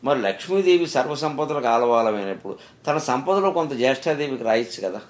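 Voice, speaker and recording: A man's voice: medium pitch, lively intonation, brisk. Man giving a spiritual discourse. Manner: storytelling, rhetorical questions, emphatic rises. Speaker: spiritual speaker.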